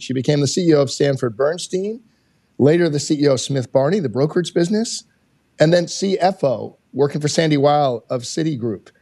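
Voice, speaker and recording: A man co-hosting a leadership podcast with a gravelly voice, introducing a guest in a friendly, relaxed way. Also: fairly high pitch, no echo, studio quality. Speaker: podcast co-host.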